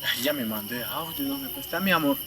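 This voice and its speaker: A man's voice: mid-range voice, animated, fairly quick, over loud music. A man playing a boyfriend in a comedy sketch, talking in a casual, affectionate way.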